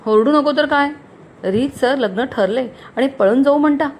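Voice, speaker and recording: A woman's voice: a little high, moderate pace, slight background noise, close to an everyday voice. A woman voicing a shy young bride-to-be who scolds her fiancé half in jest. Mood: mock-angry. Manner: mock-scolding, bashful.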